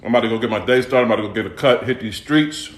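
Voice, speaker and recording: A middle-aged man with a Houston, Texas accent chats loosely to his livestream viewers from his kitchen. He is laid-back and repeats himself, at a middle pitch for a man. The room gives his voice a roomy echo. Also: very fast. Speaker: livestream cooking host. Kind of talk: casual live-stream chat. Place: home kitchen.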